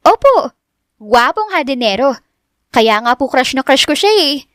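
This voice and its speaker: Woman voicing an eager young heiress in an audiobook, raised and bright. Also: high-pitched, expressive, dry recording, studio quality, voice pushed up. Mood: cheerful. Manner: eager and bright, quick to exclaim. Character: bubbly, outspoken young rich woman. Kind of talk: audiobook character reading.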